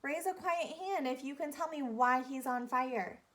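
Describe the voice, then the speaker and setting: Here a woman's high, fairly bright voice carries a teacher's interactive read-aloud for small children. She keeps it deliberate and instructive, repeating the important phrases and questions.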